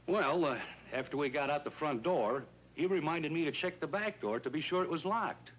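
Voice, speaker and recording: A man with a higher-leaning, fairly bright voice and lively intonation speaks at a moderate pace. His role is a wary, folksy shopkeeper cheated by a swindler in a 1950s police drama, hesitant, plain-spoken, earnest and rueful. Noise from the old soundtrack is present.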